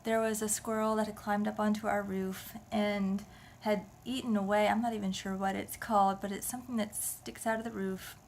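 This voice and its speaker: A woman's voice: mid-range voice, little pitch movement, normal speed, vocal fry, hardly any pauses, a little hiss or hum. A woman in her thirties chatting casually to the camera at home, rambling and thinking aloud with many restarts. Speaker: vlogger. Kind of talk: casual home vlog chat. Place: family house indoors.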